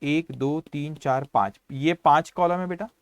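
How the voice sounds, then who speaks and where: Hindi-speaking man teaching accounting, higher voice. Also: unhurried, clear, resonant tone, no room sound. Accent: Indian English. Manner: talks to students as 'beta', mixing Hindi with English terms. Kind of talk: online class lecture.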